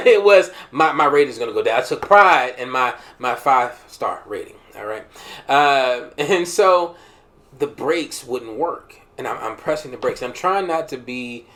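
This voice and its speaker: A man's voice: medium pitch, expressive, a little slow, sharp tone. A man in his thirties, hosting a show and telling a personal testimony with humor and emotional swings. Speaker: podcast host sharing a testimony.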